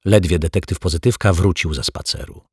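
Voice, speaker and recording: A man narrating a children's audiobook in a slow, measured storytelling manner. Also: low voice, breathy edge, no echo, clean studio sound.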